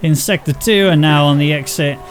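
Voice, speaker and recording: A man's voice: on the high side, a little fast. A man giving play-by-play on an online racing league with a co-host. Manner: steady play-by-play, relaxed chatter between calls. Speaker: co-commentator. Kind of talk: live sim racing commentary.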